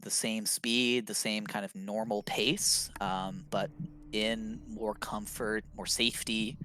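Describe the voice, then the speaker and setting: A man narrating as game master of a tabletop role-playing game, relaxed and full of fillers. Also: lowish voice, slow, slight background noise.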